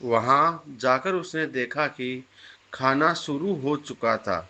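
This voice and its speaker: A man calmly narrating a scripted moral story. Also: medium pitch, slow pace.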